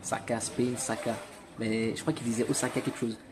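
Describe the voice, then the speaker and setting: A man's voice: mid-range voice, little pitch movement, a little fast, noisy background. A young man from Portugal vlogging his travels, chatting casually and jokingly to his viewers. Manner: slangy, joking, addresses viewers as "les gars". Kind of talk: casual vlog chat to camera.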